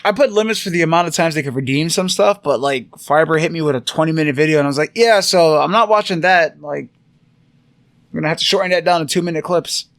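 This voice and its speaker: A man's voice: on the high side, fast talker, no room sound. A man co-hosting a gaming podcast, a streamer throwing in wry quips. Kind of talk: casual chat.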